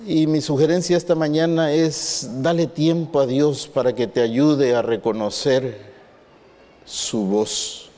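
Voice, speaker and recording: High-voiced pastor in a reverberant hall. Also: male voice, slow. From northwestern Mexico. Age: 50s. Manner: animated storyteller acting out quotes. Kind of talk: sermon with personal storytelling.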